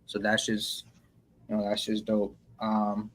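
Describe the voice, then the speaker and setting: Co-host, male, low and unhurried, casual list-style chat. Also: completely flat delivery, a bit bright, faint music behind, poor audio. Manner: slow, listing with many ums. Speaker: podcast co-host.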